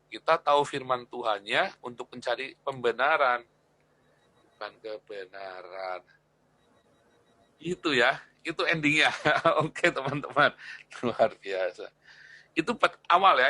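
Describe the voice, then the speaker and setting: A middle-aged man leads a church discipleship class in a relaxed, talkative way. His voice is bright and forceful. He keeps repeating key phrases and checks in with his listeners. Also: mid-range voice, normal speed, pauses often, dry recording. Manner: chatty, repeats phrases, tags lines with "ya" and "kan". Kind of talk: informal class teaching on the Bible.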